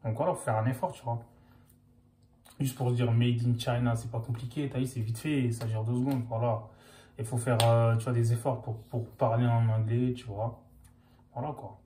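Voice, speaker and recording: A man's voice: medium pitch, flat delivery, normal speed, mellow, a little hiss or hum. A young man, chatting casually to camera in loose, slangy speech full of fillers. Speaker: vlogger.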